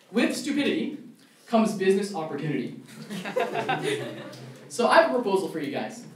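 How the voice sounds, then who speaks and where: Young guy doing standup, fake-angry ranting, roomy echo and a bit of hiss. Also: high-pitched. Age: young adult. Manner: mock-outraged, ranting. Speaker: stand-up comedian. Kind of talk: stand-up comedy set. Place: college comedy club show. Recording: echoey room, mic far off, faint noise.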